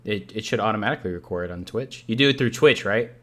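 A woman in casual chat, cutting in with quick questions. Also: very deep voice, very noisy. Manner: quick interjections and eager questions.

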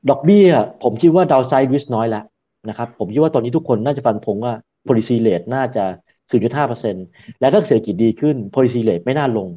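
A man's voice: medium pitch, animated, fairly quick. A man giving confident, emphatic expert answers as a securities analyst guest, mixing in English finance terms. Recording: slightly dull lo-fi sound.

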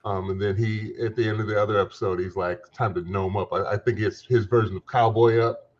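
A man's voice: on the low side, fairly even intonation, fast talker, highs cut off. A man co-hosting a podcast, chatting casually and thinking aloud with many fillers. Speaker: podcast co-host. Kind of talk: casual chat.

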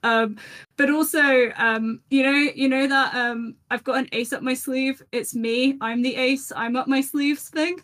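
A woman co-hosting a podcast, chatting casually in a halting, self-interrupting way. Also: sits high, steady tone, a bit bright. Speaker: podcast co-host. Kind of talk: casual chat.

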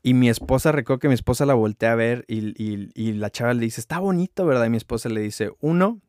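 A man's voice: mid-range voice, fast talker, clean tone, dry recording, studio quality. Man, telling stories. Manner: relaxed, many fillers, acts out quoted speech. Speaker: podcast host. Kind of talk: casual storytelling with devotional reflection.

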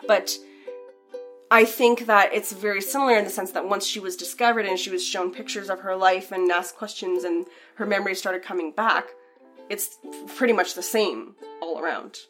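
A woman co-hosting a podcast in relaxed chat, telling a story at a mid pitch. She often restarts her sentences as she talks. Faint music plays behind her. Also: moderate pace. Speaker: podcast co-host. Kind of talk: casual chat.

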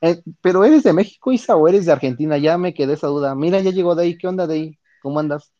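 A man with a Mexican accent, his voice a little high and a little mellow, hangs out with viewers on a stream. He swears, uses plenty of slang, and reads and answers chat. The audio is dull, dry lo-fi with no room sound.

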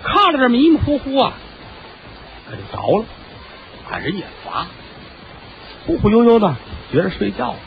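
A man's voice: extremely high pitch, huge pitch swings, moderate pace, vocal fry, pauses often. A man telling a traditional comic story, with chatty asides to the audience. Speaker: crosstalk storyteller. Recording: dull lo-fi recording with faint hiss.

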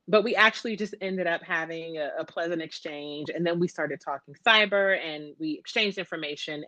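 An upbeat, chatty woman hosts a podcast interview, her voice sitting notably low for a woman. The sound is close and dry, with no room echo around her. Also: a bit bright, dull audio. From Atlanta, USA. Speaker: podcast host.

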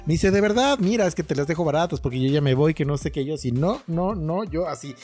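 A man's voice: fairly high pitch, fast talker, darkish tone, soft background music. A man in his thirties with a Mexican accent, co-hosting a casual podcast and telling a personal story, acting out the quoted dialogue. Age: 30s. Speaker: podcast co-host.

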